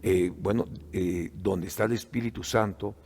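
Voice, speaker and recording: A man's voice: deep voice, steady tone, moderate pace, vocal fry, darkish tone, slight background noise. A middle-aged man with a Guatemalan accent, a pastor telling a testimony in an earnest conversational teaching style, with many fillers.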